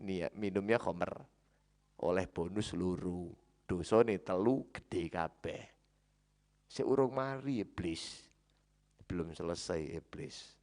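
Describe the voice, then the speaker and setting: A man with a Javanese accent preaching a sermon, telling stories, swinging between loud and hushed. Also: low voice, slow pace, pauses often.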